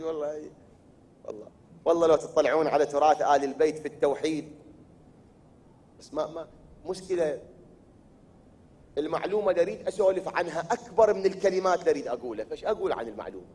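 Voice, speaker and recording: A man preaching a sermon in Iraqi Arabic, asking rhetorical questions and answering them himself, at times building to loud, emphatic declaiming. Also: fairly high pitch, animated, very fast. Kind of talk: religious sermon.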